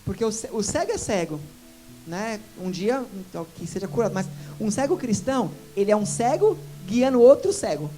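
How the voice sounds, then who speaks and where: A woman pastor from Brazil with a Brazilian Portuguese accent, preaching in church and rising into loud, fervent prayer. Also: mid-range voice, animated, a little fast, soft background music. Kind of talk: sermon with shouted prayer.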